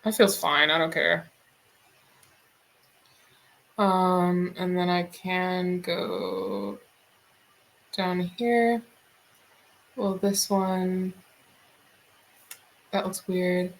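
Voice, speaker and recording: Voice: medium pitch, lively intonation, extremely slow, long pauses, a little hiss or hum. A streamer in a casual drawing stream, musing aloud and swearing casually.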